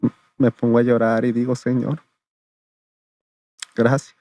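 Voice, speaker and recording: In an interview, a man gives his own testimony at a measured pace and medium pitch. His storytelling is gravelly, flat and conversational, with sentences often tagged by "le digo" and "¿verdad?".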